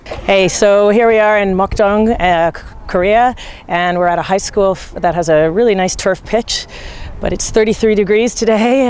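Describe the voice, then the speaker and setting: Woman, rugby player, casual chat, outdoors at a pitch, light noise. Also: darkish tone. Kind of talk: on-location commentary.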